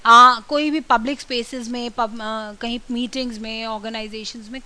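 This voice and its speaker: High bright-voiced woman teaching. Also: poor audio. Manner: explanatory, drills words with exaggerated stress. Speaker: communication skills trainer. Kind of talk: classroom lecture mixing Hindi and English.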